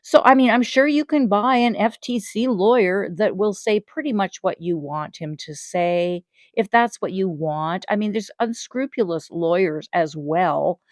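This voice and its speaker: A woman's voice: medium pitch, a little slow, few pauses, a little mellow, dry recording. A woman hosting a channel, giving critical commentary in a blunt, indignant way. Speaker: channel host.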